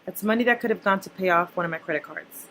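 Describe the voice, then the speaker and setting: A woman's voice: fairly low pitch, fast, a bit bright, a little hiss or hum, rough recording. A young woman, a mother, vlogging about her spending in a chatty, blunt, casual way to her viewers. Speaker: personal finance vlogger, mother. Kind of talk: casual talk to camera.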